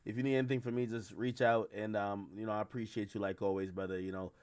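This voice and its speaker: Quick-paced and lowish, with little pitch movement, this Jamaican livestream host's voice is darkish, clear and resonant, with no room sound. He talks with callers in casual hip-hop slang, looping back over his words in a rambling, repetitive way and stammering frequently.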